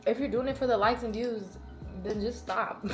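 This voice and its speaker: A woman in her early twenties answering questions as a content creator in a casual, animated, slangy and playful way. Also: on the high side, moderate pace, over music, low-quality recording. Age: early 20s. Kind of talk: casual chatty Q&A.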